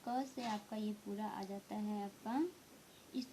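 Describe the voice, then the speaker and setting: A woman teaching a grammar lesson to students, explaining slowly and repeating each point with frequent check-ins. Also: medium pitch, fairly even intonation, mellow, a little hiss or hum. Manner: slow, repetitive explaining with frequent "theek hai" check-ins. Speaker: Hindi teacher.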